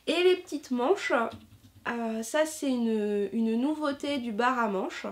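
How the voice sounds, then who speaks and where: A woman with a fairly high voice talks casually as a sewing vlogger. She is chatty and enthusiastic, often pausing on fillers and restarting her sentences. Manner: hesitant, many filler sounds and restarts. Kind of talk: casual chat.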